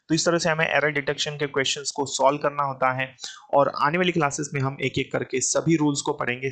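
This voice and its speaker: A man's voice: mid-range voice, vocal fry, a bit bright. A man giving an exam-prep grammar lesson. He speaks with an Indian English accent, calls the student "beta", and keeps asking questions that he then answers himself. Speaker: English teacher.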